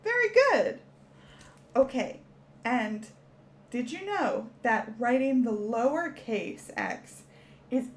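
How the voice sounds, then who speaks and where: Slow, high-voiced woman teaching children. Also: slight background noise. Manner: cheerful, encouraging, speaks to children. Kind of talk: children's educational lesson.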